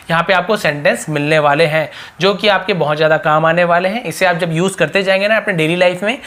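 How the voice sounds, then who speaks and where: A man with a Hindi accent teaching spoken English, drawing out each example sentence slowly and then explaining it word by word. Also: sits high, fairly bright tone. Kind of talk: spoken English lesson for learners.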